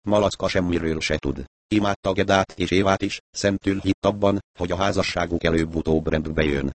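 A man voicing a quiet husband who speaks in a subdued, muttering way in an audiobook. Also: deep voice, fairly even intonation, lightly acted.

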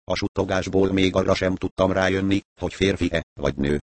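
Deep-voiced male audiobook narrator. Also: fairly even intonation, no echo. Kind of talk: audiobook narration of a crime novel.

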